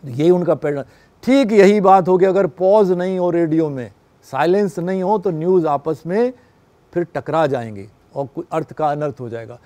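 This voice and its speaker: A man lectures a class on radio production in a steady, explanatory way, often pausing to check that his listeners are following. His voice sits a little high but sounds warm and mellow.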